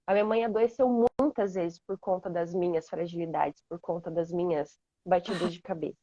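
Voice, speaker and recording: Earnest woman guest, mellow voice, dry dull lo-fi sound. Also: fairly low pitch, steady tone, normal speed, dry recording. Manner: reflective, earnest, many fillers. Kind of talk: casual chat.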